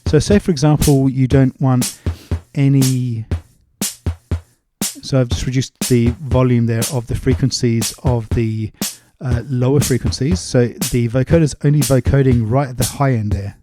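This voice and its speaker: His mid-range voice has fairly even intonation and a measured pace as he leads an informal music production tutorial, demonstrating and explaining each step. Music loops and vocal samples fill the background.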